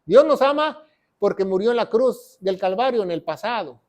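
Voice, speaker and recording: A man. He teaches emphatically, pressing rhetorical questions and tag words, and swells louder whenever he reads scripture aloud. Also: high voice, animated, moderate pace. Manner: emphatic preaching, rises loud on scripture quotes, rhetorical questions. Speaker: pastor. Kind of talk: sermon teaching.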